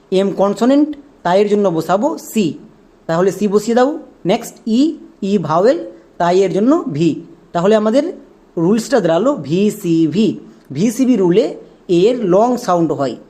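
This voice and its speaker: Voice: medium pitch, dark tone. A teacher giving a step-by-step phonics lesson, spelling words out letter by letter and asking and answering their own questions. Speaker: English reading teacher.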